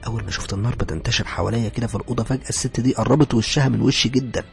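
A man's voice: mid-range voice, very fast, creaky, faint music behind. A man with an Egyptian accent narrating a first-person horror story in a tense voice that sometimes sinks to a whisper. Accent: Egyptian Arabic.

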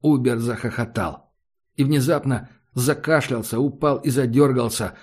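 A man narrating an audiobook in a steady, dramatic storytelling manner. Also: medium pitch, moderate pace, breathy edge. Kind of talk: scripted narration.

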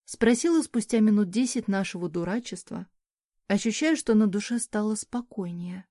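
A woman reading a novel aloud in the first person, gentle and even, lifting her voice for the dialogue. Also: mid-range voice, moderate pace, dry recording, clean studio sound. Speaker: audiobook narrator. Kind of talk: scripted first-person narration.

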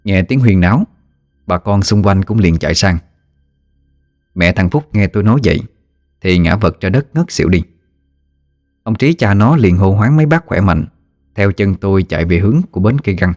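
A man narrating a ghost story in a measured storytelling voice. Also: low-pitched, expressive, a little mellow, no room sound, studio quality, soft background music.

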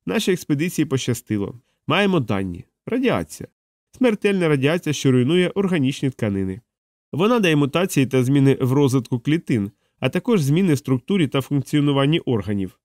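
A man's voice: on the high side, sing-song, fairly quick, darkish tone, no echo, clean studio sound, pitched above the performer's own voice. A man doing a bitter, ironic mutant crewman. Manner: ironic, grim. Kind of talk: audiobook character voice.

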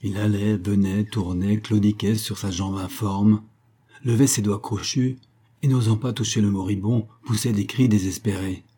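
A man narrating a classic novel in a measured, even storytelling delivery. His voice is low and dark, with a husky grain running through it. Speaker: audiobook narrator.

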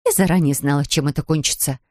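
A woman's voice: deep voice, fast talker, dry recording, clean studio sound, pitched below the performer's own voice. A woman voicing an anxious, kind middle-aged mother in a storybook reading. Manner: anxious, pleading.

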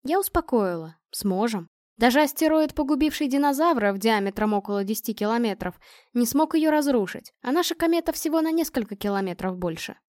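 A woman reading a first-person audiobook in a calm, measured storytelling manner. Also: on the high side, no echo, studio quality. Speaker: audiobook narrator.

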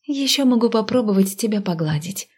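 A defiant, teasing young heroine, as the reader voices her, bright and quick with retorts. Her lines rise livelier than the narration around them in this audiobook. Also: medium pitch, lively intonation, breathy edge, pitched above the performer's own voice. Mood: alarmed. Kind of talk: audiobook reading.

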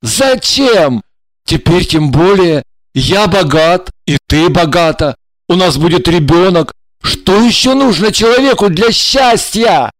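A woman's voice: lowish voice, animated, slow pace, no room sound, rough recording. A woman voicing a desperate young husband who pleads and begs with urgent intensity. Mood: pleading.

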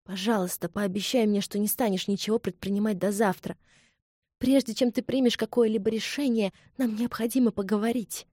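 A woman's voice: mid-range voice, steady tone, a little fast, mellow, no room sound, clean studio sound, lightly acted. A woman voicing a distressed young noblewoman who pleads in a raised, emotional voice in an audiobook. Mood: desperate.

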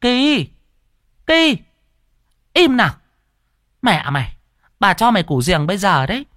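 A man voicing a shrill old village grandmother who scolds a barking dog with sharp shouts. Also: sing-song, a little slow, no room sound, clean studio sound, heavily acted. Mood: scolding.

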